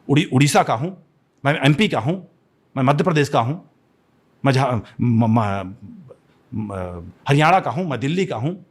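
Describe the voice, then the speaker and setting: As a podcast interview guest, this Chhattisgarh man speaks Hindi with a regional Chhattisgarh accent in a medium-pitched, breathy-edged voice. He talks passionately and declamatorily, often repeating phrases and starting over.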